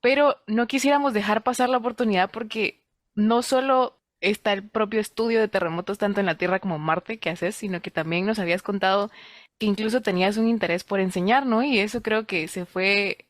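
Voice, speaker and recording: A woman's voice: medium pitch, fairly quick, dry recording. A woman hosting a podcast interview, chatting in a playful, conversational way. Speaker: podcast host.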